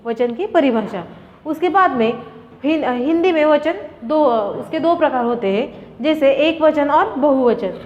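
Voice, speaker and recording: A woman's voice: high-pitched, darkish tone. A woman teacher explaining grammar to students, asking questions and answering them herself, with many fillers. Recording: dull lo-fi sound with long reverb.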